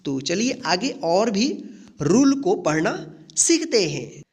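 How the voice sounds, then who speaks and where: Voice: medium pitch, sing-song, slow pace, slightly rough. A teacher giving a patient English pronunciation lesson, spelling words out letter by letter, asking how to read them and restating each rule. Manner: keeps checking in with "ठीक है?".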